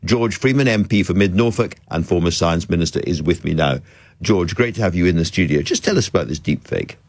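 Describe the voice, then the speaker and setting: A man's voice: deep voice, lively intonation, a little fast, no room sound. A British man hosting a radio interview in the studio, putting probing questions to his guest. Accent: British English.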